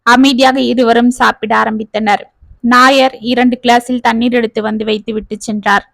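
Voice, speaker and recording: A woman storyteller reading a family drama aloud in a steady narrating manner. Her voice is high, and the recording is dry and close, with no room echo. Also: normal speed, creaky.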